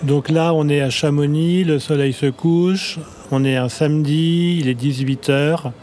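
Relaxed male radio host, direct. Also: on the high side, a little slow. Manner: informal, direct questions. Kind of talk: radio interview.

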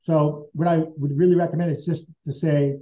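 A man's voice: fairly high pitch, little pitch movement, fairly quick, mellow. A man being interviewed as a guest, telling a personal story in an earnest, conversational way and acting out remembered dialogue. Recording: dull lo-fi sound.

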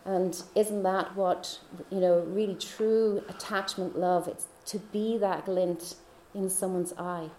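A woman tells a personal faith testimony in a chatty, easy way, laughing often and dropping to soft whispers. Her voice sits a little low and sounds warm and mellow. The room around her is echoey. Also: steady tone, slow pace, few pauses, slight background noise. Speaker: speaker.

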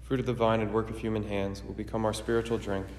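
Man, priest at the altar, solemn liturgical prayer, even intonation, measured and formal, long cathedral echo. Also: lowish voice, a little hiss or hum. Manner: measured, reverent, formal recitation. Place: large echoey church.

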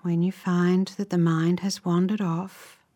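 A woman guides a meditation in a calm, measured, instructive manner, her phrases trailing off softly and breathily. Her pitch sits fairly low.

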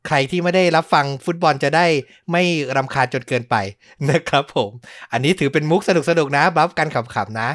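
A man's voice: fairly high pitch, expressive, brisk, hardly any pauses, a bit bright, no echo, clean studio sound. A man hosting a podcast, chatting casually in a playful, teasing way. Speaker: podcast host.

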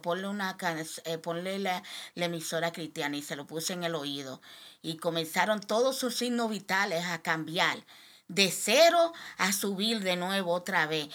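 A middle-aged woman giving a personal faith testimony on a podcast, halting and restarting, her voice rising sharply as she pleads. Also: fairly low pitch, fairly bright tone. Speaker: guest sharing testimony.

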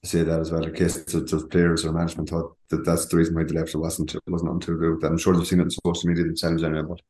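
A man speaking hesitantly and haltingly in a casual sports discussion. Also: rumbling low, monotone, darkish tone. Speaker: football podcast panellist. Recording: echoey room.

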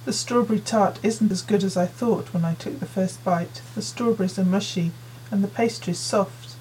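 A woman narrates a novel in first person with a measured, storytelling delivery. Her pitch sits in an ordinary middle range. This is a steady audiobook reading. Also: slight background noise, poor audio.

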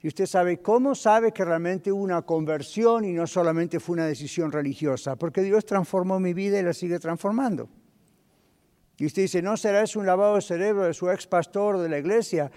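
Middle-aged pastor, animated sermon delivery, slightly high voice, echo of a large hall. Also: male voice, brisk. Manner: animated preaching with rhetorical questions. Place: church hall. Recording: long hall reverb.

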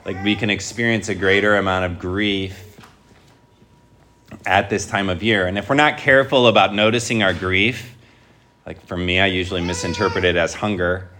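Male priest, lowish pitch, church preaching and scripture reading, deliberate phrasing, addressing a congregation. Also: steady tone, bright, forceful tone. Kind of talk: Gospel reading and homily to a congregation. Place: church, speaking before a congregation.

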